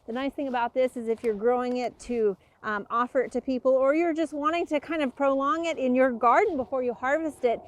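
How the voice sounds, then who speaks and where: A woman's voice: sits high, a little fast, hardly any pauses. A woman hosts a gardening program. She explains each planting step in a friendly, patient way with small fillers. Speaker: gardening show host. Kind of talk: instructional gardening talk and interview.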